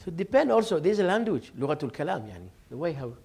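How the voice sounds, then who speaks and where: A man's voice: fairly high pitch, big pitch swings, very fast, gravelly, a little mellow, husky. A man, a sheikh giving an informal religious lesson, telling stories, joking and laughing, and acting out dialogue. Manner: conversational, jokes and laughs, acts out dialogue.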